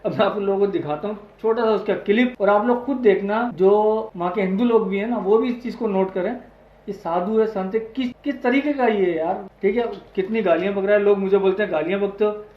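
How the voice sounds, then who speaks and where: A man's voice: high voice, fast talker, few pauses. A man hosting an online video, giving heated, crude reaction commentary full of swearing. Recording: echoey, dull lo-fi audio.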